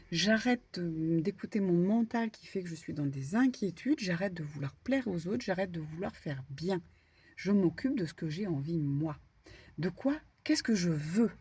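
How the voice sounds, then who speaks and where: A woman medium giving a casual spiritual card reading, talking in an animated, stumbling way with many fillers. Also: lowish voice, slightly rough. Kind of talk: spiritual guidance talk, casual.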